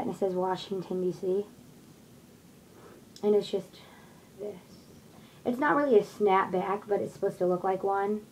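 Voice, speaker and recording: A young woman chats through a shopping haul, rambling along with plenty of fillers. Her voice is mellow and soft-edged. It is caught on a desktop webcam in a small bedroom, with a faint hiss of room noise behind her. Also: mid-range voice, poor audio. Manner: chatty, rambling, lots of fillers. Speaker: vlogger showing a shopping haul. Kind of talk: casual haul video. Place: small bedroom with posters, indoors. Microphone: webcam on desk at close range.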